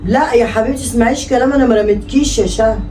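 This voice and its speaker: A woman plays an Egyptian mother who pleads with her daughter, tender but worn down. Her voice sits at a middle pitch and carries a roomy echo from a distance, with noise behind it. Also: rapid-fire, mellow, natural voice. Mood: pleading. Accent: Egyptian Arabic. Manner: tender and pleading, turning tearful and bitter. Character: mother longing to take her daughter back.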